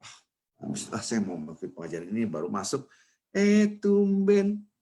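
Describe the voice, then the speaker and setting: Man preacher, mosque sermon, somewhat low voice, acts out scenes in different voices. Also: a little fast. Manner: lively, acts out little scenes with mimicked voices. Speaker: ustadz, preacher.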